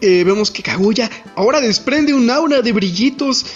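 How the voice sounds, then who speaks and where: Man, high voice, animated rambling anime recap, dull audio with faint music behind. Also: normal speed, slightly rough. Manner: animated, rambling, self-deprecating. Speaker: podcast co-host. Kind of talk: casual chat recapping an anime episode.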